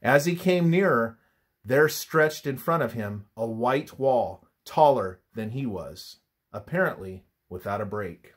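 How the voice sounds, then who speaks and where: In an expressive, husky voice of medium pitch, a man reads a scripted religious study. He keeps an instructive, measured pace, and his lines frequently taper off quietly.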